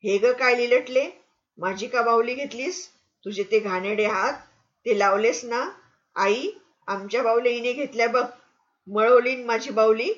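A woman voicing a spoiled, jealous girl who whines loudly and accuses. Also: a little high, fairly even intonation, normal speed, lo-fi sound, lightly acted. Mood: shouting. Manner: loud, whiny, accusing.

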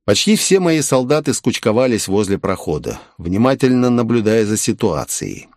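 A man's voice: fairly low pitch, big pitch swings, moderate pace, darkish tone, no room sound, clean studio sound. A man reading an audiobook in the first person, curt and cold. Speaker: audiobook narrator. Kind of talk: audiobook narration.

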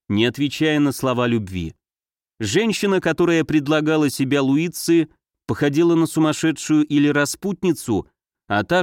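A man narrating a novel in a measured, steady reading. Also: on the high side, clean tone, no room sound, clean studio sound. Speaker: audiobook narrator.

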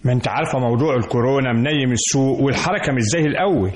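A man's voice: medium pitch, rapid-fire, close to an everyday voice. A man playing a cornered Egyptian businessman. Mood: defensive. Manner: defensive, then pleading. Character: proud businessman cornered by debt. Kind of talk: radio drama acting. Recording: roomy with faint hiss.

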